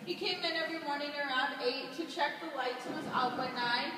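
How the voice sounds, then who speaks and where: A woman's voice: sits high, a little fast. A woman working as a cave tour guide, reciting memorized facts and safety instructions to a boat tour. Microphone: camera held by a passenger, away from speaker. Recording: echoey cave, distant handheld camera, loud noise.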